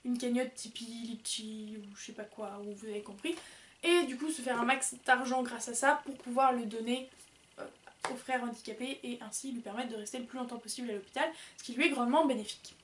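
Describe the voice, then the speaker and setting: High-voiced chatty woman in an echoey room. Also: steady tone, a little fast, distant mic, a little hiss or hum. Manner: chatty, rambling, with many fillers. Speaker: book vlogger. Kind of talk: casual book review chat.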